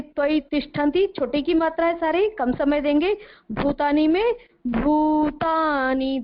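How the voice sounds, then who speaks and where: Female chant teacher, high voice, patient step-by-step demos, muffled online-call audio. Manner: patient, explains step by step, demonstrates sounds. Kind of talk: online pronunciation lesson.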